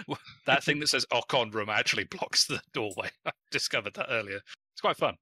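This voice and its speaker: A man's voice: medium pitch, big pitch swings, normal speed, pushed and bright, breathy edge, no echo. A man playing a tabletop game with friends, chatting casually with wry, jokey wordplay. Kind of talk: casual chat during an online tabletop game.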